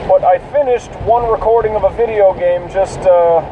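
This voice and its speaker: A man's voice: sits high, normal speed. Guy ranting behind the wheel in a downpour, lots of cussing, mic kinda far off. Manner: profane, ranting about other drivers. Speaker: podcast host. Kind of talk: casual solo monologue while driving. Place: inside a car in heavy rain. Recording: noisy in-car recording, rain and road noise.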